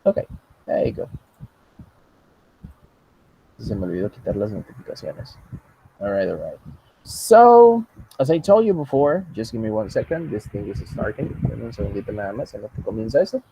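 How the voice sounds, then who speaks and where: A man's voice: lowish voice, big pitch swings, moderate pace, vocal fry, noisy background. A man teaching English over a video call, patient and joking, switching between English and Spanish. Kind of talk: online class, bilingual teaching. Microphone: computer mic on a video call.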